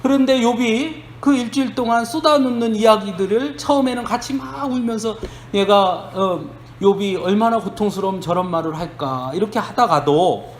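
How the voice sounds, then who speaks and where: A man preaching a sermon as a pastor, telling the story conversationally and asking rhetorical questions of the congregation. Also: extremely high pitch. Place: church sanctuary. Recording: echoey church hall, faint noise.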